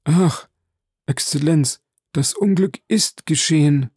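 A man's voice: on the low side, steady tone, moderate pace, creaky, a little mellow, dry recording, studio quality. A man voicing a terrified, superstitious male steward who stammers and pleads. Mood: pleading.

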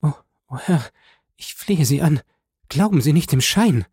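A man's voice: medium pitch, wildly swooping pitch, normal speed, dark tone, slightly rough, no echo, clean studio sound, full character voice. A man voicing a terrified young noblewoman who stammers and pleads in a breathless, half-whispered way. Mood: pleading.

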